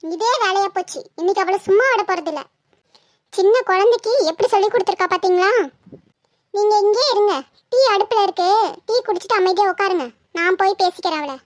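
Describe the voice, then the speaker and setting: A woman voicing a fiery young village mother with a Tirunelveli Tamil accent, quick to quarrel and scold, in a cartoon. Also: extremely high pitch, no room sound. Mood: angry. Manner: combative, scolding. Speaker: daughter-in-law. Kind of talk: cartoon voice acting.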